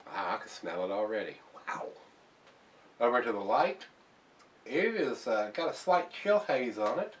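A man's voice: mid-range voice, a bit bright, distant mic, slight background noise. An older man casually reviewing a beer to camera in his home bar, rambling with fillers and restarts. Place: home bar room, indoors.

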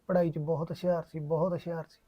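A man's voice: a little high, little pitch movement, highs cut off, close to an everyday voice. A man playing a remorseful young kidnapper. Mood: sorrowful. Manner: halting, confessional, repeats phrases. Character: young male kidnapper, poor, bitter and remorseful. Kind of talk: short film drama acting.

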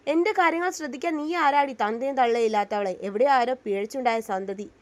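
A woman's voice: a little high, fast, natural voice. A woman reading a spiteful sneering young woman.

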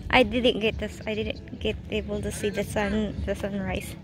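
A young woman with a Filipino accent vlogging outdoors from an action camera held at arm's length, chatting in a halting way with many fillers. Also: mid-range voice, level tone, noisy background. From Philippines. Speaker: travel vlogger. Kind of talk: casual travel vlog. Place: outdoors on a tidal flat and on a moving scooter. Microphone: handheld action camera at arm's length.

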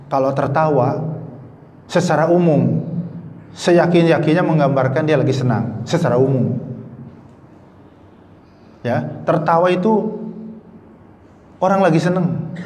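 A man preaching in a mosque, his fairly high voice carried by the long reverb of the hall. He keeps throwing questions at the listeners and answering them with animated emphasis. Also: unhurried, pauses often. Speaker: ustadz giving a mosque lecture. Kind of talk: sermon.

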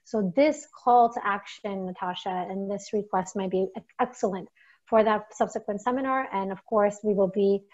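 A woman hosting an online seminar, wrapping up with thanks and announcements in a measured way over a video call. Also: medium pitch, darkish tone. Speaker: webinar host. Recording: dull lo-fi call audio.

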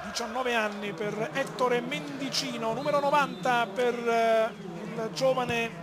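A man commentating live on a football match in an excited, emphatic manner. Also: very high voice, a little slow, crowd noise. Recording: loud stadium noise behind commentary.

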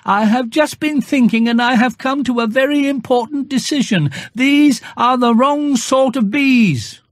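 A narrator voicing an earnest, slow-witted male toy bear in a children's storybook, speaking in a deliberate, drawn-out way. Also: high voice, dry recording, studio quality, voice pushed up. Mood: earnest, solemn. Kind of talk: children's storybook character acting.

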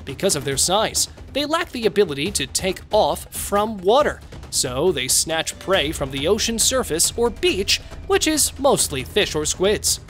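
A man reading scripted nature documentary narration as a presenter, in measured phrases. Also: high voice, sing-song, fairly bright tone. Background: music.

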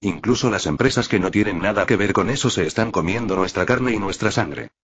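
A man voicing a hurried young male assistant in a suit reporting urgent bad news. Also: lowish voice, a bit bright, slight background noise, lightly acted.

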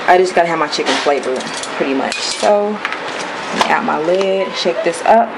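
Young woman, lowish voice, home-cooking vlogger, casual how-to talk, loud pan clatter behind. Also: normal speed. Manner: relaxed step-by-step explaining with fillers. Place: home kitchen at the stove. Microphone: camera held over the counter. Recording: loud kitchen noise behind voice. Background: pots, pans and sizzling.

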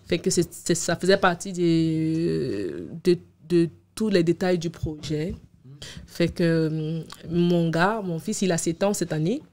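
Slow and dark-toned, with a lowish, steady voice, this thirtysomething podcast guest who moved to Canada from abroad answers interview questions casually. She hesitates and repeats words while explaining, recorded in a small indoor studio on a boom-arm mic, wearing headphones.

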